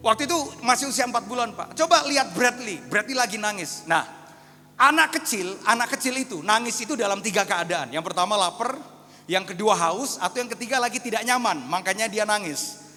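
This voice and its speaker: A male pastor in his thirties preaching a storytelling sermon to a congregation, moving between hushed and fervent delivery. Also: high voice, expressive, brisk, soft background music. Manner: storytelling, addresses congregation as Pak and saudara; swings from hushed to loud, fervent. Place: church hall. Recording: long echo of a church hall.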